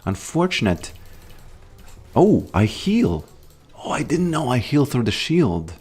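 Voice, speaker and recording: This Latvian streamer has a medium-pitched, darkish voice that is very animated yet slow, and a little hiss or hum sits under the audio. He rambles and muses as he plays, greeting chat along the way.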